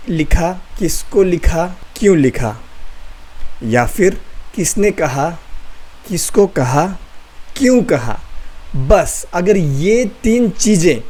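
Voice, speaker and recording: A man hosting an online Bible teaching talk, asking rhetorical questions and answering them himself, repeating key phrases and reading verses slowly and deliberately. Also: high voice, very animated, a little mellow. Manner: reads scripture slowly and deliberately.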